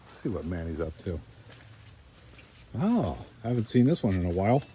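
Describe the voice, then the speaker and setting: A man's voice: low voice, very animated, moderate pace, dark tone, slight background noise. A man hosting a casual car vlog, chatting upbeat about the cars in his workshop. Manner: upbeat, chatty commentary while showing cars. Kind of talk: casual garage vlog narration.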